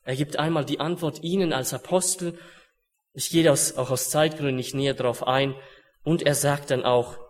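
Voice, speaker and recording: A fairly high-voiced young man delivers a sermon. He is earnest, sinking into hushed, grave passages and then lifting to urgent, animated appeals. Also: moderate pace. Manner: earnest, swings from hushed solemn to raised urgent. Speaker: preacher.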